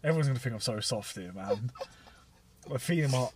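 A young man, a podcast co-host and new father, tells stories in lively, swearing casual chat full of laughter. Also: mid-range voice, a little fast, distant mic, a crowd in the background. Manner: animated storyteller, swears, laughs.

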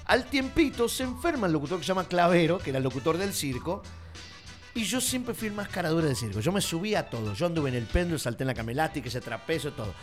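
A middle-aged man with an Argentine accent, a circus performer telling his story as a radio guest, lively and acting out the lines he quotes. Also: a little high, quick pace, faint music behind. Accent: Argentine Spanish. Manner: animated storyteller, acts out quotes.

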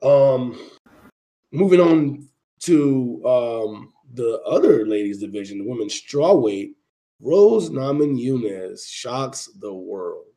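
Mellow-voiced man hosting a sports panel. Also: mid-range voice, expressive, poor audio. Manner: halting, repeats and restarts phrases. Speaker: panel host. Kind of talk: casual sports panel discussion of MMA.

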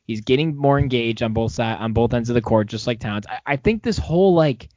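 A man's voice: mid-range voice, expressive, brisk, darkish tone, dry recording. A man co-hosting a sports podcast, talking casually in an upbeat, rambling way with many restarts. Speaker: podcast co-host. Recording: dull lo-fi dry sound.

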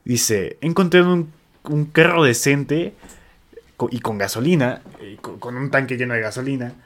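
A man's voice: mid-range voice, normal speed. A man with a Mexican accent, reading posts aloud to a friend in casual chat with slangy asides and restarts. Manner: relaxed, slangy, reads with restarts.

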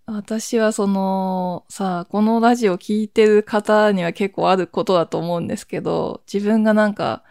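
A woman's voice: medium pitch, steady tone, normal speed, creaky, few pauses, a little mellow, clean tone, no echo, studio quality. A woman in her forties hosting her own podcast at home at night, chatting in a rambling way, laughing at herself and keeping her voice down. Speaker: podcast host. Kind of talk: casual solo chat.

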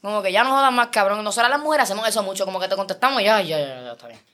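Fast, bright-voiced Puerto Rican woman. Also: medium pitch. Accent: Puerto Rican Spanish. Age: 20s. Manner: animated storytelling full of slang fillers. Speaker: podcast host. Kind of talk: casual chat.

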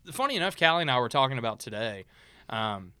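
A man of middle pitch chats loosely on a podcast, swearing freely and restarting his sentences as his thoughts run ahead. His voice is recorded close and dry, with no room around it. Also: very animated, quick pace, pushed and bright, clear, resonant tone, no echo. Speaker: podcast co-host. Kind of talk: casual chat.

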